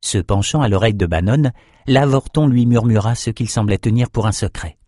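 Audiobook narrator, male, low-pitched, steady scripted reading. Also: a little fast, dry recording, studio quality.

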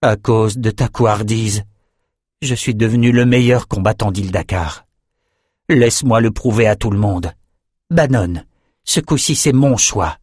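A man reading an audiobook voices a calm, resolute young male champion swordsman who speaks in a grave, steady way. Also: lowish voice, measured pace, slightly rough, no echo, clean studio sound.

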